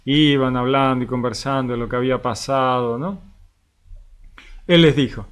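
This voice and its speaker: A man with an Argentine Spanish accent teaching a Bible study in a relaxed, conversational way, reading passages aloud and commenting on them. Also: medium pitch, normal speed, smooth. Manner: conversational, often ends with a questioning tag and fills with a drawn filler; lively, reads scripture passages aloud between remarks.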